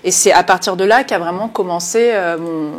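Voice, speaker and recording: Earnest woman author, halting with fillers. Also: lowish voice. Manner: earnest, hesitant with frequent fillers and restarts. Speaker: journalist and author, interview guest. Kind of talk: studio interview.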